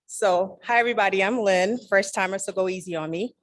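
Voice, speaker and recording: A woman's voice: medium pitch, brisk. A woman from Liberia, a first-time club member, telling a friendly conversational impromptu story.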